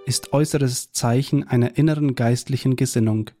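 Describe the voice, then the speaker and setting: Man, mellow dark voice, earnest devotional tract reading, measured. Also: medium pitch, steady tone, soft background music. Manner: measured, earnest, scripture-quoting.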